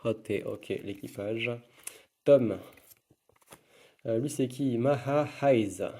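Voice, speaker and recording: A man's voice: mid-range voice, drawn-out words, mellow. A man giving casual running commentary while opening trading card packs, murmuring card names one after another.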